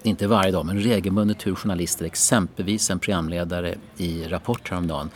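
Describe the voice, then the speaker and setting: Low-voiced teasing man co-hosting. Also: fairly even intonation, a little hiss or hum. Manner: playful, teasing, repeats himself for effect. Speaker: podcast co-host. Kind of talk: casual chat.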